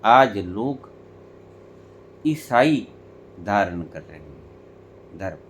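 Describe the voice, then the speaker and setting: A male spiritual teacher delivers a slow, measured discourse, letting long pauses hang between phrases. His pitch rises and falls in a lively, expressive way as he drives home rhetorical questions, with a faint hum of background noise behind him.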